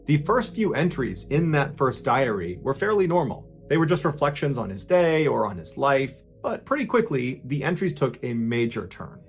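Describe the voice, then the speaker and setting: Male podcast narrator, middle pitch, dramatic suspense delivery, soft music bed. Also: sing-song, moderate pace, vocal fry, hardly any pauses. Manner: suspenseful, swells louder at tense moments and drops low at grim ones. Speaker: podcast host and storyteller. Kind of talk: dramatic true-crime narration.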